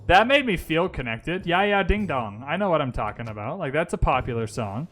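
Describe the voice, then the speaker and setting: Over faint background music, a slightly high-pitched man with a bright, forceful voice streams a strategy game from Vancouver. He's very animated and a little fast, narrating his moves in casual, chatty commentary and breaking off to respond to his viewers.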